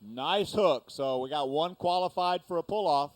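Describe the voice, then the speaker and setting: A man giving live tractor pull commentary as an announcer, explaining things in a folksy, conversational way. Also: moderate pace. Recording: noisy event with engine rumble.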